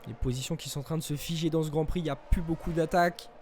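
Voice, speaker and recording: A man giving live race commentary as a motorsport commentator, moving between measured observation and excited calls of the action. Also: on the high side, slight background noise. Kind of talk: live race commentary, esports sim racing.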